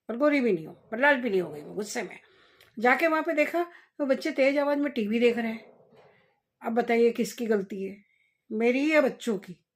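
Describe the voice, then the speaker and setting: A woman vlogging at home in a casual chat, talking straight to her viewers and musing aloud. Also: high voice. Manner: chatty, talks straight to viewers, muses aloud.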